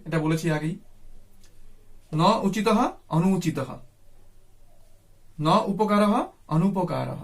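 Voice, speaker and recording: A man teaching a grammar lesson to students, patiently repeating each term slowly. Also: fairly high pitch, darkish tone. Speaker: Sanskrit teacher.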